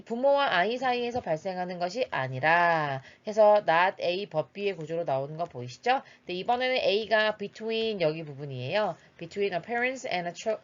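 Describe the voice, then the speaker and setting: Methodical female teacher, dull lo-fi audio. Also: fairly low pitch. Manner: patient, methodical, frequent "uh" fillers. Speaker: English teacher. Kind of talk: explaining exam reading passage. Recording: slightly dull lo-fi recording.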